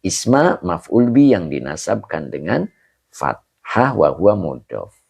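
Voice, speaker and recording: Male religious teacher, slow and patient, low husky voice, lively intonation, online grammar class. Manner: patient explaining, answering students by name, chuckles. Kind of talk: online Arabic grammar lesson.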